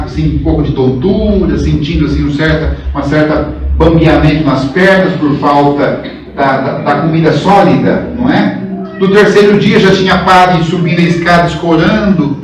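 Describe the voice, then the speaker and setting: A man's voice: fairly high pitch, a little hiss or hum. A man from São Paulo state giving a guest talk at a spiritist center, telling a story conversationally and asking the audience questions. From São Paulo state, Brazil. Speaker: guest speaker. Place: large hall at a spiritist center. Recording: echoey hall, mic far off.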